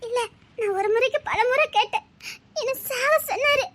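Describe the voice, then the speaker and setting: A woman's voice: very high-pitched, moderate pace, fairly bright tone. A woman voicing a heartbroken young woman in a drama, speaking with a Tirunelveli Tamil accent in a tearful, pleading way. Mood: hopeless. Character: heartbroken young woman set on ending her life.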